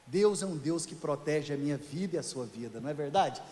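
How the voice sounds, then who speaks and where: Male pastor from Brazil, higher-pitched voice, chatty sermon style with asides to the congregation, echoey church sanctuary. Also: lively intonation, a little fast, dark tone, slight background noise. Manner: conversational, joking with the congregation; addresses listeners as "querido".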